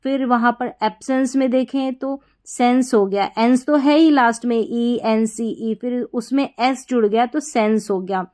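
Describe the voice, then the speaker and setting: A woman's voice: on the high side, steady tone, a little slow, few pauses, darkish tone. A woman teaching English phonics in a patient, repeating way, asking her students questions. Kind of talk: phonics lesson.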